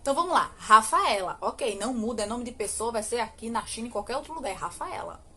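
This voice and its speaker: A Brazilian woman with a fairly high voice teaches English grammar to children. She speaks in quick explanations, then draws out each example sentence slowly and checks in with rhetorical questions. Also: expressive, bright, forceful tone, husky. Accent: Brazilian Portuguese. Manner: slow, drawn-out model English sentences between quick explanations; asks rhetorical questions, frequent "ok?". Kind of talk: recorded online grammar lesson.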